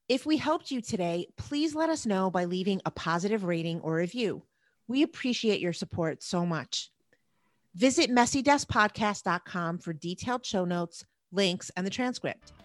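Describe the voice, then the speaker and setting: A woman's voice: mid-range voice, very animated, unhurried, fairly bright tone, no echo. A woman co-hosting a podcast, talking in an upbeat, emphatic way. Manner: upbeat, emphatic, wraps up the show. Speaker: podcast co-host. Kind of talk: casual podcast chat.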